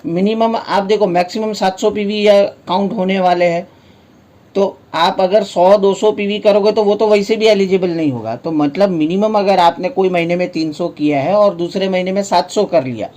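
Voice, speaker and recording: A man's voice: high-pitched, a little mellow. A man with an Indian accent presenting a promotional offer in a casual explainer style, restating points and answering his own questions. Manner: explanatory, repeats and rephrases points, poses questions then answers them.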